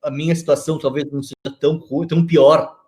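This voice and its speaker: A man's voice: on the high side, level tone, fast, darkish tone. A Brazilian man in his forties, a guest on a video-call interview, talking reflectively with many fillers and restarts. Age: 40s.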